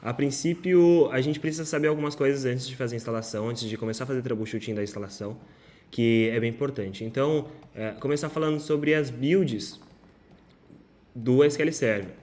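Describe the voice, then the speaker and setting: A man's voice: mid-range voice, a little fast, a little mellow. A man giving a casual screen-share tech tutorial, with many filler sounds and self-corrections. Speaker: instructor.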